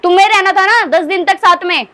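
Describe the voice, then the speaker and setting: Woman, very high voice, rapid scolding; sarcastic, mocks others' words in a domestic argument skit. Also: fairly bright tone.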